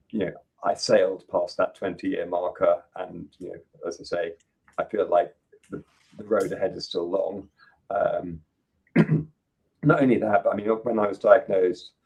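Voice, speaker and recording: A man's voice: low voice, creaky, a little mellow, husky, rough recording. A man in his late fifties speaking as a podcast guest, earnest and reflective with frequent fillers. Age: 50s. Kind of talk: interview conversation.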